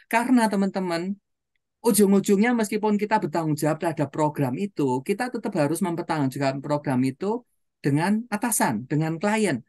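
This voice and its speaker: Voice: mid-range voice, darkish tone, no room sound. Storytelling seminar trainer, dry sound. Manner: storytelling, with frequent rhetorical questions and "gitu ya" tags. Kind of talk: motivational seminar talk.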